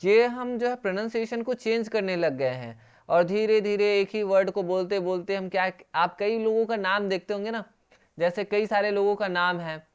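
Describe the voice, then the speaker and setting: A teacher giving an explanatory lesson, repeating each word slowly and posing questions to the learner. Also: medium pitch, smooth. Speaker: English teacher. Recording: dull lo-fi recording.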